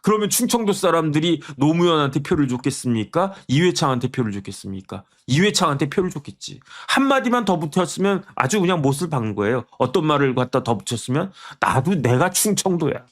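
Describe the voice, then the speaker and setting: Middle-aged man, fairly high-pitched, casual explanatory commentary, acts out quoted lines. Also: fast, few pauses. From Chungcheong. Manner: animated storytelling that acts out quoted voices. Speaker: lawyer and commentator.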